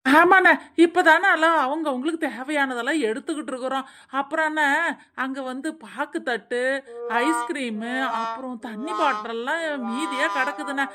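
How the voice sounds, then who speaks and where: A greedy, boastful village woman from a comedy cartoon, played by a woman. She talks in a wheedling, self-satisfied way. Her voice sits fairly high. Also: normal speed, sharp tone. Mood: scheming. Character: greedy chatty village woman hoarding wedding leftovers. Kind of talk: animated comedy dialogue.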